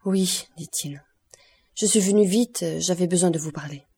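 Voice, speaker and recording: A shaken, hesitant young man, read by a woman in an audiobook. Her voice is dark and mellow, with a soft huskiness. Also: on the low side, moderate pace, slightly rough. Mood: troubled.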